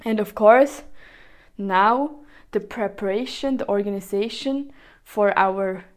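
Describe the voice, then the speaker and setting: A woman from Switzerland with a Swiss German accent hosts a chatty solo podcast in halting, non-native English, often repeating herself. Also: mid-range voice. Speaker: podcast host.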